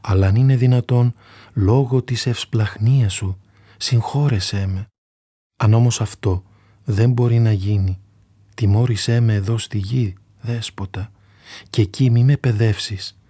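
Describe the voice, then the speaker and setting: A man's voice: on the low side, steady tone, warm tone, husky, dry recording. A man voicing an old monk who pleads with God in earnest repentance. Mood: pleading.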